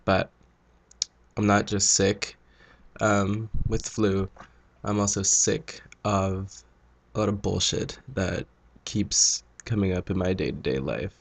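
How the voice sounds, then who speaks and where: Young man, nasal with a cold, low-pitched, gravelly, sarcastic vlog rant. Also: fairly even intonation, slow, pauses often, slight background noise. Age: young adult. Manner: sarcastic, jokey asides. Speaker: vlogger. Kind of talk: casual ranting vlog.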